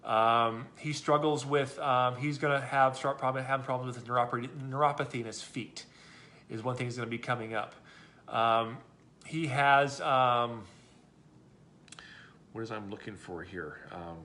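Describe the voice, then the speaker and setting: A man's voice: mid-range voice, steady tone, moderate pace, sharp tone. A middle-aged man telling product stories in a loose, rambling way, full of ums and restarts. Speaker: product testimonial speaker. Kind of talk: casual testimonial talk.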